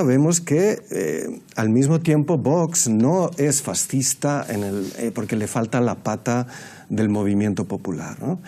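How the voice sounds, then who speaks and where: A man speaking as a panelist in a political debate, measured and lecturing, with frequent hesitations. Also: mid-range voice, warm tone. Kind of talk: analytical debate commentary.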